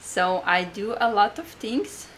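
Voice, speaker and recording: A woman's voice: mid-range voice, animated, fairly bright tone. Latvian-accented woman podcaster, slightly noisy room tone. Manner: halting, repetitive phrasing in non-native English. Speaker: podcast co-host. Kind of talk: casual conversational podcast talk.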